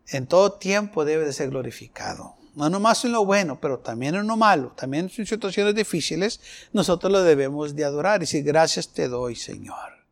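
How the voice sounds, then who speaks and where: High-voiced impassioned male preacher. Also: gravelly. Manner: impassioned preaching, voicing prayers and quoted complaints. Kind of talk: sermon.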